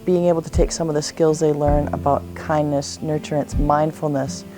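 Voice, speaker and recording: A woman's voice: low voice, little pitch movement, moderate pace, music in the background. A woman therapist explaining her work with horses in an earnest, reflective way. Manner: earnest, reflective, storytelling with quoted dialogue. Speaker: equine therapist. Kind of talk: explanatory interview talk.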